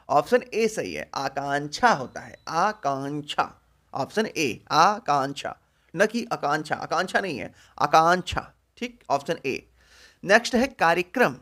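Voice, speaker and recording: A man teaching exam prep, going through spelling answers one by one and repeating each word slowly with drawn-out syllables. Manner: drops low and soft at the end of each answer.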